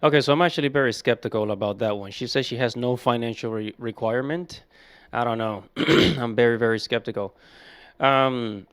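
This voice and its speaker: A man's voice: mid-range voice, smooth, no echo. A man in his thirties giving casual, opinionated commentary, repeating his points with emphasis. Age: 30s. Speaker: commentator reacting to clips.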